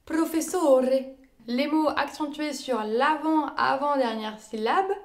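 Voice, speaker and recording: A young woman, a native French speaker, giving a scripted lesson in a clear, careful way and speaking example words aloud. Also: sits high, normal speed, darkish tone. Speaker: language learner teaching Italian.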